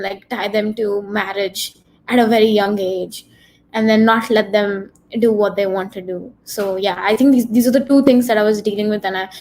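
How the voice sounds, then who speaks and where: A woman's voice: mid-range voice, darkish tone, a little hiss or hum. A woman filmmaker answering at a panel Q&A, earnest and peppering her talk with "like". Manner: earnest, frequent "like" fillers. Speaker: filmmaker guest.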